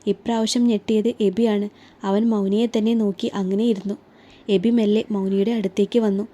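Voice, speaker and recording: A woman narrating a romantic story in a calm, even storytelling manner. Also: medium pitch, moderate pace. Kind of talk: scripted narration.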